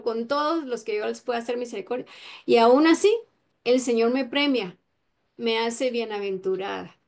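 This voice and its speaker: A woman giving an informal Bible teaching in a conversational way, often checking in with her listeners. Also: fairly high pitch. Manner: conversational, many fillers and "verdad?" tags.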